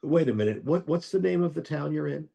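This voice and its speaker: A wise old rabbi, voiced by a man telling a parable who speaks calmly and firmly. He gently chides his listeners in a mellow, slightly lifted voice. He sounds like a teacher in a spoken folk tale. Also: a little high, a little fast, gravelly, pitched above the performer's own voice. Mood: chiding. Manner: gently admonishing. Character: wise old male rabbi, calm and firm.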